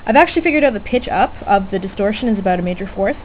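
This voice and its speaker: Very fast and animated in a mid-range voice, a DIY electronics hobbyist runs a casual, unscripted demo. She's chatty, tentative and constantly revising what she's just said. The sound is tinny and lo-fi, webcam-era, with noise in the background.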